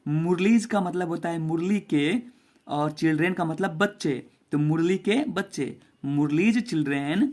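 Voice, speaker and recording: A man's voice: on the high side, a little mellow. A man teaching a basic English reading lesson to children, spelling each word out letter by letter and repeating it. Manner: spells words letter by letter and repeats them slowly.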